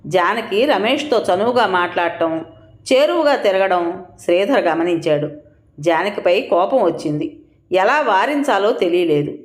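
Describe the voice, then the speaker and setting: Woman narrator, audio story, expressive, lively pitch, echoey room. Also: a little slow. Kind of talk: scripted narration of a family drama story. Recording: roomy echo.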